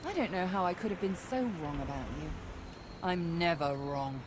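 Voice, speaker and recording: A woman's voice: on the low side, expressive, moderate pace, noisy background, close to an everyday voice. Actress as scornful, threatening game schemer woman. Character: scornful, defeated schemer scolding and warning. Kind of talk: video game voice acting.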